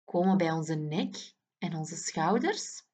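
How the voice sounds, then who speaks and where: A woman's voice: low voice, expressive, takes it slowly, a little mellow, slightly rough. A woman guiding children through a muscle relaxation exercise, soothing and often dropping to a whisper.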